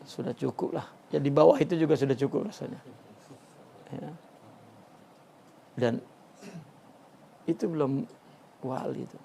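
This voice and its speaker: A man teaching a religious text study, speaking haltingly with many restarts and a filler "ya" between phrases. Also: a little high, vocal fry, warm tone, a little hiss or hum. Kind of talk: Sufi text study lecture.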